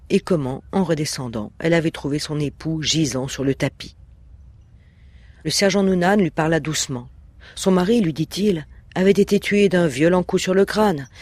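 A man reading a story aloud in a measured, expressive way. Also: a little high, no echo. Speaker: reader.

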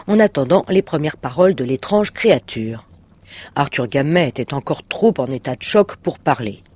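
A man narrating a short story aloud in a measured, expressive storytelling manner. His voice sits a little higher than most men's. It is a clean audiobook reading.

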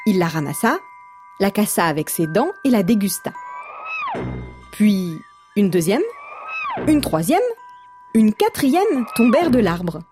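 A woman storyteller reading a folk tale aloud in scripted narration, lively and expressive, with voices for the characters. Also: mid-range voice, unhurried, pauses often, soft background music.

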